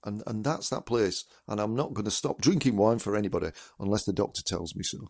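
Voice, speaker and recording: A man's voice: lowish voice, quick pace, a little mellow. A middle-aged man co-hosting a podcast, agreeable and encouraging in casual chat. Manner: agreeable, affirming. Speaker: podcast co-host.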